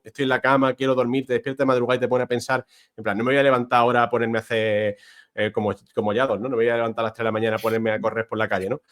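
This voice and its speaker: A man from Spain, a bilingual teacher, hosting a casual interview chat in long, winding sentences. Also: medium pitch. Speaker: host, teacher.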